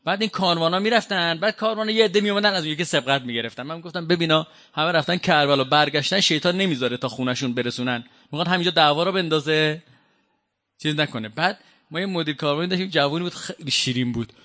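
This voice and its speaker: Bright-voiced male preacher, high pitch. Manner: conversational, addresses audience directly with questions. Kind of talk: sermon with Quran exegesis.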